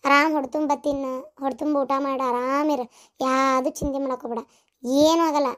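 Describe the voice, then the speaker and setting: A woman voicing chatty village women in a comic cartoon, with a North Karnataka Kannada accent and a shrill, exclaiming manner. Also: fairly even intonation, a little fast, fairly bright tone. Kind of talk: cartoon voice acting.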